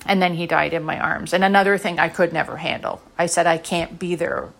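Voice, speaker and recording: A middle-aged woman who hosts a podcast, speaking in an earnest, rambling way with lots of fillers and pauses in a casual, heartfelt monologue. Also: on the low side, steady tone, creaky. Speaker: podcast host.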